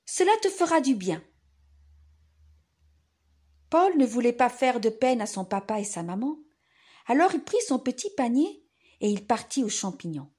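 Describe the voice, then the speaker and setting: A woman reads a bedtime story as if to a toddler. Her voice is very high and husky, and she takes her time with swooping, expressive phrasing. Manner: expressive, simple, as if reading to a toddler. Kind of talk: children's bedtime story narration.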